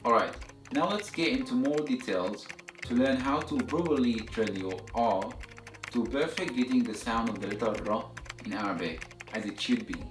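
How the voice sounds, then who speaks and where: A man with a mid-range, expressive voice gives a step-by-step language lesson at normal speed, explaining methodically like a teacher and repeating examples for learners. The recording has a roomy echo and a distant mic, with music and other background noise behind him.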